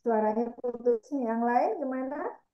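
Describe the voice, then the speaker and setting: A woman leading an online meditation class, gently checking in with participants while her video call audio breaks up. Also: on the high side, lively intonation, unhurried, dull audio. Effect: choppy video call audio breaking up. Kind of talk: casual online class talk.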